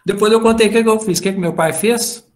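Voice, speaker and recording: A middle-aged man with a high voice speaks at a quick pace, giving an informal spiritual talk over a video call. He lectures at a spiritist study group and tells family stories, acting out the dialogue as he goes.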